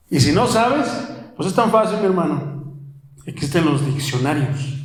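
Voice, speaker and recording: A man preaching a sermon as pastor, animated, firing rhetorical questions and calling listeners "my brother". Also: fairly high pitch. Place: church hall. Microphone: handheld microphone. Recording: very echoey church hall.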